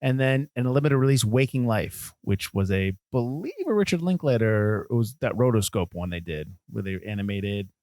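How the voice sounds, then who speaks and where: A man's voice: fairly low pitch, moderate pace, few pauses, dry recording. A man co-hosting a podcast in casual, joking chat. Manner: joking, animated, teasing. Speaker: podcast co-host.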